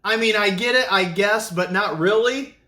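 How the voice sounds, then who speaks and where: A man's voice: high voice, moderate pace, sharp tone. A man hosting his own vlog in a casual, upbeat, chatty way, talking straight to viewers while snacking. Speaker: vlog host and DJ. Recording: echoey room.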